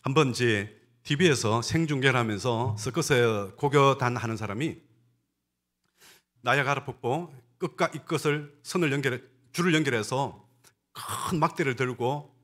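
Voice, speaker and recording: Man, pastor, sermon, husky voice, lively swings in pitch. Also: moderate pace. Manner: animated storytelling, questions to the congregation.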